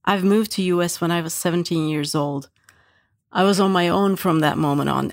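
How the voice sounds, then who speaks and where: A woman's voice: deep voice, creaky, dry recording, clean studio sound. A woman from Turkey, a guest sharing a candid personal reflection. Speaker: network member guest.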